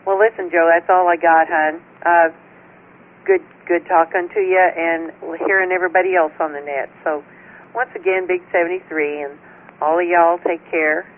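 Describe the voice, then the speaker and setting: A woman's voice: lowish voice, fairly even intonation, moderate pace, phone-quality sound. A woman checking in on an amateur radio net, chatting in a folksy, familiar storytelling way over two-way radio. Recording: thin radio transmission with faint static.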